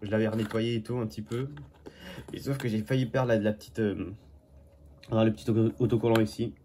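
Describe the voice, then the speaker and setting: A man's voice: lowish voice, steady tone, a little fast, warm tone, a little hiss or hum. A man from Normandy chatting casually as he shows his finds from a flea market, correcting himself often and dropping jokey asides. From Normandy, France. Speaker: toy car collector. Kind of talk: casual show-and-tell commentary.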